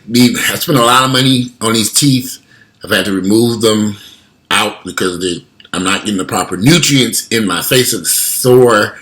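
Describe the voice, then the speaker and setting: Toothless man, blunt and low-voiced. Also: bright, forceful tone. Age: late 40s. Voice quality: toothless speech, missing teeth. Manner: blunt, emphatic, repeats himself. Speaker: vlogger. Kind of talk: casual talk to social media followers.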